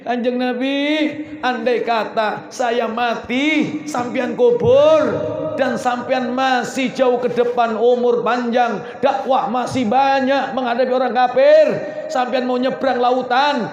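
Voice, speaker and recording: A hoarse man voicing an aging devoted wife, speaking softly and plaintively during a sermon in an echoey room. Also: sits high, steady tone, moderate pace, lo-fi sound, voice pushed down, lightly acted. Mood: pleading. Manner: soft, plaintive storytelling voice.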